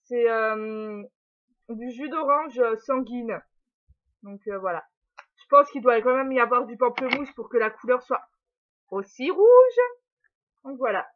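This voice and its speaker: A woman's voice: a little high, a little slow. A young woman chatting casually and giggling through a haul video at home, filling her talk with little hesitations and talking to her puppy. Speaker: vlogger. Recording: dull lo-fi sound.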